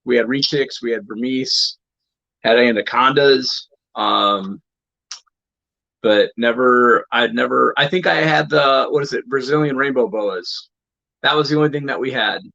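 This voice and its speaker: A man who breeds reptiles, a guest, chatting in a relaxed way and often saying "man". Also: mid-range voice, unhurried, creaky, highs cut off. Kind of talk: casual chat.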